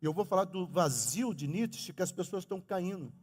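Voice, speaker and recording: A middle-aged man preaching a lively sermon as pastor in a church, speaking to the congregation. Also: high voice, fairly quick, slightly rough. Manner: animated preaching, talks of his own stutter. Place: church sanctuary. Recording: long reverb of a church hall.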